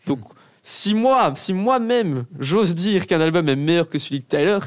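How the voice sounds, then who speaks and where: A young man in casual podcast chat, enthusiastic about music and repeating words as he gets excited. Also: high voice, moderate pace. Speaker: podcast co-host.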